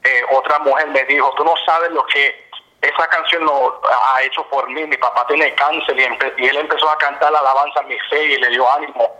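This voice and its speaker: A man's voice: mid-range voice, steady tone, fairly quick, sharp tone, rough recording. A man from the United States, a gospel singer and minister, telling his story fervently in an interview, dropping English fillers.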